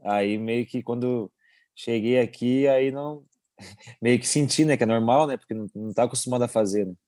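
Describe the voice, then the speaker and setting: Mellow-voiced goalkeeper, laughing easily. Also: male voice, mid-range voice, a little fast, no echo, studio quality. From Brazil. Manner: relaxed, chuckling, many fillers. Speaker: goalkeeper abroad, interview guest. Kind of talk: casual interview chat.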